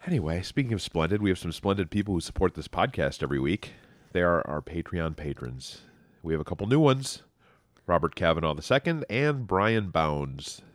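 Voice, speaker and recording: A man hosting a podcast in a relaxed, rambling chat, a little stuffy from allergies. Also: low-pitched, a little fast, no room sound. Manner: relaxed, rambling, dry humor. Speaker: podcast host. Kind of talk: casual chat.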